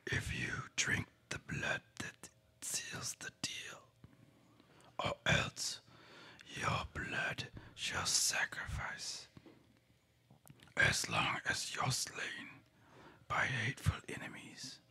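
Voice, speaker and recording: A man voicing an ancient male dark power in whispered role-play, quiet and gravelly, slow and ominous. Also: lowish voice, huge pitch swings, full character voice. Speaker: game master.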